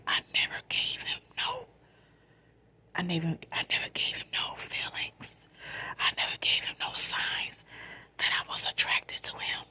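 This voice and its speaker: Brief: American female storyteller, very breathy hushed whisper, low-pitched, quiet-at-night delivery, slangy and informal. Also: huge pitch swings, a little slow. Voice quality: breathy, soft. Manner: informal, slangy, repeats phrases for emphasis.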